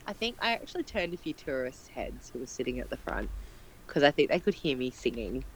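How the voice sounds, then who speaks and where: A woman chatting casually with her partner, telling a lively holiday story and laughing often. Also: rumbling low, brisk, slight background noise, poor audio. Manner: loud, self-described as not quiet. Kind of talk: casual chat.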